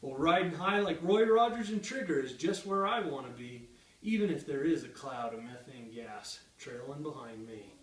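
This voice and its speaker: A man's voice: medium pitch, moderate pace. A man in his thirties with a Western American accent and a folksy cowboy twang, reciting rhyming cowboy poetry in a dramatic storytelling way. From Utah, United States. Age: 30s. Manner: animated, dramatic delivery. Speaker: cowboy poet. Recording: echoey room, distant microphone.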